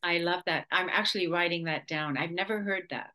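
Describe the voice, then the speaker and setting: A woman's voice: on the low side, a little fast, pushed and bright. A woman hosting a radio talk show, introducing and interviewing a guest in an effusive, enthusiastic way.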